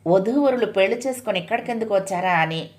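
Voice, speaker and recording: A woman storyteller reading a suspense story aloud with steady expression. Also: medium pitch, fast talker. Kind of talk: audio story narration.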